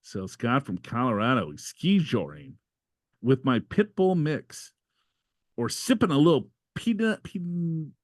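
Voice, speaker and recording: A man's voice: medium pitch, sing-song, slow, no room sound. A man co-hosting a podcast, reading out listener letters and breaking off for playful jokes. His voice sits in a middle range and sounds dry and close, with no room around it. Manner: joking, reads letters aloud with asides. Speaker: co-host reading listener questions. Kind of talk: casual podcast banter.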